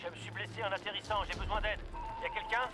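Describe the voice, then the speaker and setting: Injured co-pilot over the radio. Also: male voice, sits high, steady tone, quick pace. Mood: urgent pleading. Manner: urgent, pleading. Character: injured male co-pilot calling for help. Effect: over a radio transmission. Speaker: injured co-pilot sending a distress call. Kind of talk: video game voice acting.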